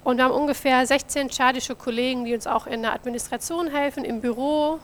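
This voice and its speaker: A woman's voice: sits high, fairly even intonation, fast talker, fairly bright tone. German woman giving a mission talk. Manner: friendly, addresses audience directly. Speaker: missionary office coordinator. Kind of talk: church mission report with slides.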